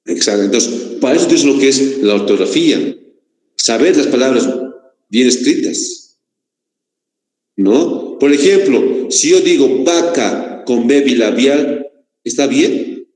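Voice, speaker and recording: A man's voice: mid-range voice, animated, slow pace, darkish tone. A male teacher giving a class lecture, often asking his students rhetorical questions, with a Bolivian Spanish accent. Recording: echoey room, long reverb.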